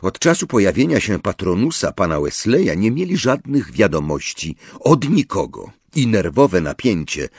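A man reading a fantasy audiobook aloud, with expressive storytelling narration. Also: low voice, husky, no room sound, clean studio sound. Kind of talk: scripted narration.

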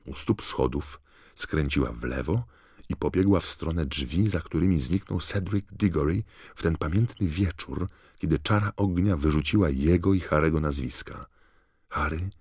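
A man reading an audiobook in measured storytelling narration. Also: very deep voice, a little mellow, slightly rough, no echo, studio quality. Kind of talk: scripted narration.

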